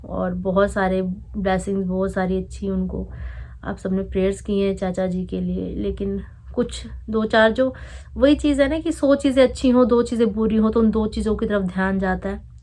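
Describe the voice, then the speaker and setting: A young woman vlogger who is unwell, speaking to camera in an upset, indignant way and addressing commenters directly. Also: medium pitch. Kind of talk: emotional vlog talk to camera.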